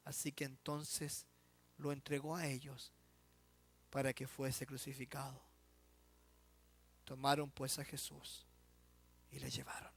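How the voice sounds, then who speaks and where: A man's voice: mid-range voice, monotone, takes it slowly, pauses often. A man preaching a sermon as pastor, emphatic and drawn out, often asking the listener rhetorical questions. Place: church.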